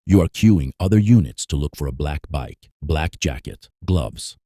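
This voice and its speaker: This scripted analytical voice-over on police procedure comes from a man whose voice is very deep and dark, animated yet measured and emphatic. He drives key points home plainly and firmly, recorded up close with no echo at all.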